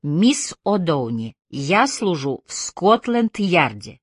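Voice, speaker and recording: A woman reading an audiobook voices a reserved male police detective, quiet and measured. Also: lowish voice, big pitch swings, slightly rough, no echo, studio quality, heavily acted. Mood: restrained.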